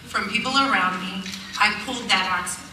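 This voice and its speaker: At a panel talk in an echoey event hall, a middle-aged teacher talks earnestly at a moderate pace, with fillers and restarts. Her mid-range voice sounds pushed and bright, picked up far from the mic with slight background noise.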